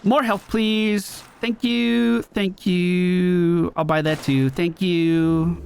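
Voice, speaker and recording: Live on stream, a high-voiced man talks through his gameplay extremely slowly, with vocal fry and fairly even intonation. His commentary is casual and jokey as he narrates his own moves over game music, with slight background noise.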